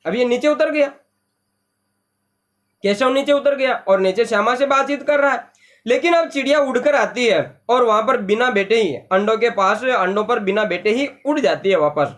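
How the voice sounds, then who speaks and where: A man's voice: very high voice, lively intonation, moderate pace, fairly bright tone. A man teaching a lesson, retelling a story and explaining it with lots of repetition. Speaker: Hindi teacher.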